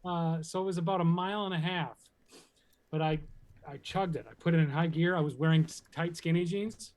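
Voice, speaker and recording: A man's voice: a little high, steady tone, brisk, a little mellow. A man joining as a contestant, out of breath and chatty, telling a story with amusement. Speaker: game show contestant. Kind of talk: casual chat.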